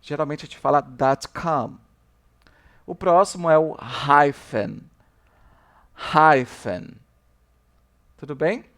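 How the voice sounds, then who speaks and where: A male English teacher works through a review lesson at an unhurried pace. He draws out each English model word slowly and often says it twice, then slips into lower, quicker asides between them. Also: fairly bright tone. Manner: slow, drawn-out English model words repeated for practice; explains in Portuguese, drops low and quick on asides. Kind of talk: recorded review class.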